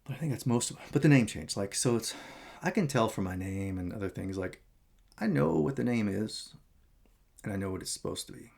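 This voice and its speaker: Man, vlogger; low, husky voice; candid, meandering casual monologue. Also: expressive, a little fast, darkish tone.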